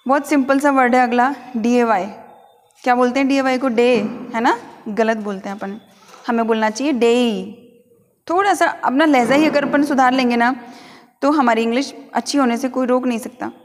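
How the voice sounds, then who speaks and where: Woman, Rajasthani Hindi accent, pronunciation teacher, spells words out, slow deliberate repeats, long reverb. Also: high voice. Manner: spells words letter by letter, then repeats each word slowly several times.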